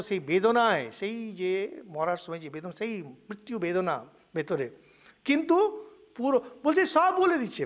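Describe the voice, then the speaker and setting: A man, an older monk from India with a Bengali accent, giving a spiritual lecture with animated storytelling and English words mixed in. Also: high voice.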